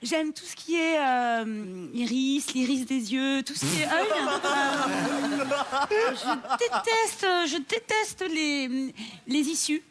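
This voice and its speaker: A woman's voice: sits high, takes it slowly, background noise. A woman doing a tipsy flirt. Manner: hesitant, giggly.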